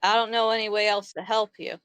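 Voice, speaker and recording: A woman voicing a timid, sweetly earnest little slime creature in a tabletop game, speaking slowly and innocently. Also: medium pitch, little pitch movement, a bit bright, clear, resonant tone, no echo, natural voice.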